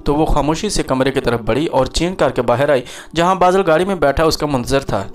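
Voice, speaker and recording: A man reading a dramatic romance story aloud as a storyteller, in a steady, even way. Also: fairly high pitch, brisk. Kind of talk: scripted story narration. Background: soft background music.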